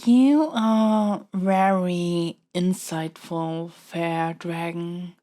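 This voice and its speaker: In a scripted audio roleplay, a woman plays a young royal princess, haughty yet smitten, who has been kidnapped by a dragon. She speaks in a formal, stately way, politely pleading, coaxing and diplomatic. Her lowish, dark voice is fairly even in intonation and extremely slow.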